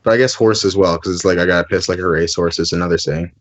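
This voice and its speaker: A man's voice: low voice, steady tone, racing. A man co-hosting a casual gaming chat, easygoing and rambling as he explains. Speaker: co-host. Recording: dull lo-fi stream audio.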